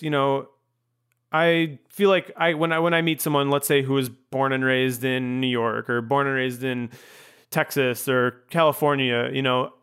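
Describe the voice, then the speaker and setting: A man hosting a podcast in a relaxed interview chat. His voice is smooth and clear at a middle pitch, and he wanders through his questions with frequent ums, uhs and self-corrections. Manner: rambling, hesitant with many ums and restarts. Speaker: podcast host.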